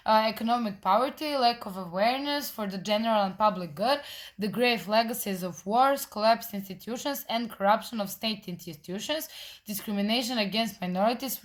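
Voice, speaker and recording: A woman from Serbia gives a prepared research presentation in a slightly high voice. She halts often on "uh" and breaks off words to restart them. Her delivery is steady and explanatory. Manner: hesitant, frequent uh fillers and self-corrections.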